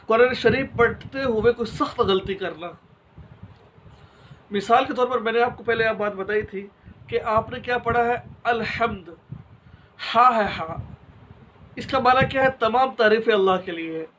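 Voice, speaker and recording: Male religious teacher, high for a man, explains point by point with examples, talks straight to the audience, with a faint hiss underneath. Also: a bit bright, highs cut off. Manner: explains step by step with examples and rhetorical questions; addresses listeners directly and informally. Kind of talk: instructional religious lesson.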